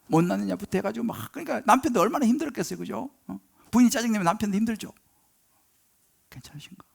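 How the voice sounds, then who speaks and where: A middle-aged pastor delivers a sermon in a strikingly high, animated voice with a gravelly edge. He swings from loud exclamations to hushed asides and acts out the voices of the people in his stories.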